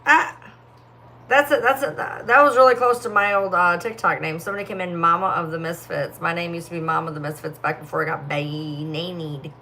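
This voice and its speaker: This young woman has a lowish, steady voice that comes out a little fast, pushed and bright, over a faint hiss or hum. Yawning and sleepy, she rambles through a casual phone livestream, reading comments and filling gaps with lots of filler words in her distinctive voice.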